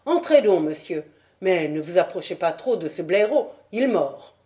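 A woman voicing an irritable old man who keeps animals, who first shouts threats and then turns fussy and polite. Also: fairly low pitch, very animated, moderate pace. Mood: fussy, welcoming. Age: over 60.

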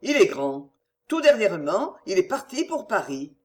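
A courteous English gentleman in disguise as a lackey, as a reader puts him on, polite and firm with a quick flash of gruffness. The voice stays close to the narration and moves with a lively pitch. It is a storybook reading.

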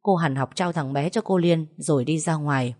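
A woman with a lowish voice narrates a story at a steady, measured pace. Her delivery is even and plainly told, like an audiobook.

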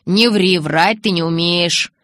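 A woman reading the lines of a sulky, teasing teenage boy who pleads and presses her to talk, with a lowish voice in a dry, close audiobook recording. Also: takes it slowly, fairly bright tone, no room sound. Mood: earnest. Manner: pleading, then moping and pressing.

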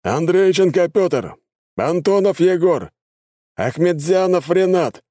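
A gruff military commissioner, put on by a male audiobook reader, barks orders in a raised, higher, forceful voice, clipped and commanding. The recording is close and dry. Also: normal speed, no room sound, lightly acted. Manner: barking orders, shouting roll call.

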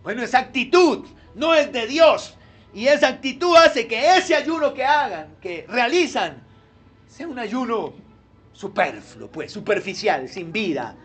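A man preaching a sermon as pastor, emphatic, swinging from loud stress to quiet asides, in a church. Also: very high-pitched, sing-song, a little slow, breathy edge, soft background music.

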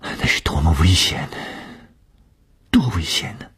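A male narrator voicing a stern young woman Red Guard student, who speaks sternly, then in a hushed, earnest tone. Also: low-pitched, very animated, unhurried, husky, exaggerated voice.

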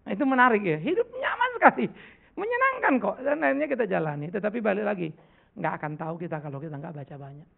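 Lively high-voiced preacher, gravelly and tinny. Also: male voice, fast talker. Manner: animated, joking, rhetorical questions. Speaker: pastor. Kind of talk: conversational sermon with Q&A. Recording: tinny lo-fi recording.

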